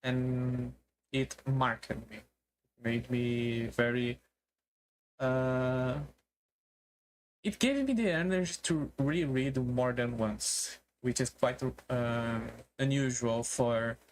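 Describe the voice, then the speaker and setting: A streamer talking casually in a halting way, with non-native English phrasing, on a solo stream. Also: medium pitch, slight background noise. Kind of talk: casual solo debut stream talk about favourite books and music.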